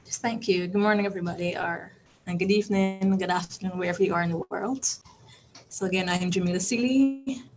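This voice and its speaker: A woman's voice: lowish voice, brisk, low-quality recording. A young Barbadian woman telling about her childhood as a guest speaker, chatty and friendly. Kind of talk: personal storytelling talk.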